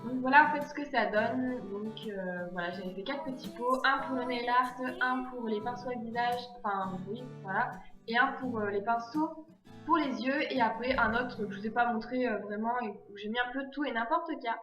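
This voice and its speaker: Woman, fairly high voice, halting craft voice-over, echoey room, guitar music underneath. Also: a bit bright. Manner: hesitant, full of fillers and self-corrections. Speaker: DIY craft vlogger. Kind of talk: DIY tutorial voice-over.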